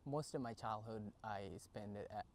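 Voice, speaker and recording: A man from Nepal speaking quietly and plainly in a documentary interview. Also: fairly low pitch, normal speed, slight background noise.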